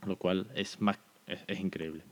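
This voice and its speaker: A man's voice: low voice, fairly even intonation, a bit bright. A man hosting a podcast, chatty and effusive in a casual interview. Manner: chatty and effusive, quick asides. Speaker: podcast host. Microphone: recorded without camera.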